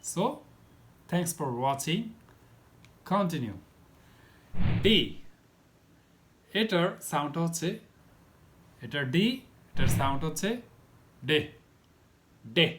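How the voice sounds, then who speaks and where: A man teaching the English alphabet to children, explaining each letter slowly and repeating words, with a Bangladeshi Bengali accent. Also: fairly high pitch. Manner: slow, repetitive, step-by-step explaining.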